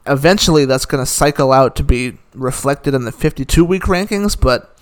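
A man runs through a list of tennis results in a casual, conversational way. His voice is smooth and clear, at an ordinary middle pitch. He drops dry, opinionated asides between the scores. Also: lively intonation, normal speed. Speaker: tennis commentator.

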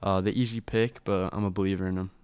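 Man, podcast co-host, clean smooth tone, little pitch movement, casual sports preview chat. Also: flat delivery, fast talker, a little mellow, dry recording.

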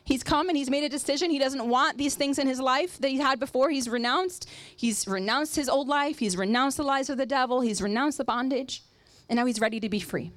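A woman preacher with a high voice talks through a sermon illustration. She is emphatic and circles back on phrases to drive them home. The sound is dry, with little room on it. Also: fairly quick, a bit bright, dry recording.

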